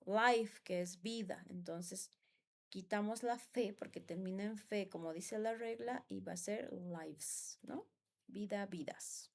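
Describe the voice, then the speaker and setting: A woman's voice: mid-range voice, slow, vocal fry, a little mellow. A woman who speaks natively in her English, patiently teaching English grammar and often asking for agreement. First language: Spanish. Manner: patient, repeats words and asks "¿no?" for agreement. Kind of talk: classroom explanation.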